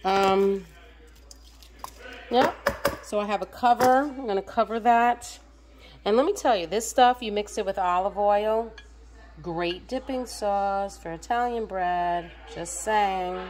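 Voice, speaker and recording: A home cook vlogger from the US narrates her cooking casually as she preps a meal in her home kitchen, explaining each step. Her voice is mid-range and her pace is slow, with noise in the background.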